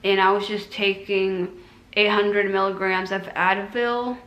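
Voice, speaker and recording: A woman's voice: medium pitch, flat delivery, unhurried, muffled recording. A woman vlogger chatting casually and informally as she recounts a personal experience. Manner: conversational, informal recounting with quoted asides. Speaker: vlogger recounting own surgery recovery. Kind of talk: casual chat to camera. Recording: roomy, echoing room sound.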